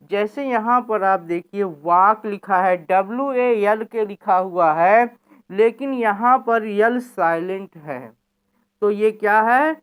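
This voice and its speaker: Woman teacher, measured pace, smooth clear voice, explanatory lesson delivery. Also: medium pitch. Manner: repeats questions and answers them herself.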